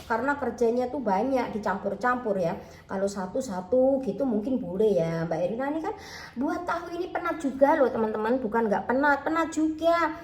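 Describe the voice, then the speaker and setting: Brisk and expressive, her slightly high, darkish voice sounds roomy. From her home kitchen, this Indonesian vlogger who sells food chats in a Javanese accent laced with Malay, calling her viewers over and over with "teman-teman, ya" and describing herself in the third person.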